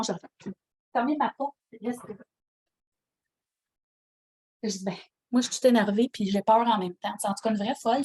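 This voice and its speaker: At home on a coaching call, a woman with a Québécois accent tells a story animatedly in casual talk, acting out the dialogue and laughing as she goes. She is ill with pneumonia and prone to coughing. Her mid-range voice has a breathy edge.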